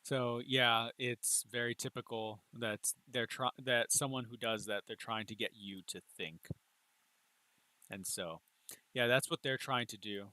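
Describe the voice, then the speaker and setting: A man's voice: mid-range voice, fairly even intonation, measured pace, bright, forceful tone, no room sound. A man chatting casually during a film watch-along stream, rambling and laughing often as he mocks what he sees. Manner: rambling, laughs a lot, mocking voices. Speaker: stream co-host.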